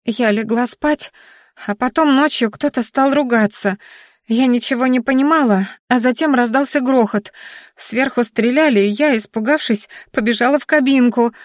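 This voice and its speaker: A high, quavering young girl's voice begging for mercy, as a woman reader puts her on. She stammers and whimpers, close and dry, with no room around her. Her pitch jumps well above the reader's own voice. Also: normal speed, no room sound, natural voice. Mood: frightened. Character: frightened young girl pleading, tearful. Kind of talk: audiobook character voice.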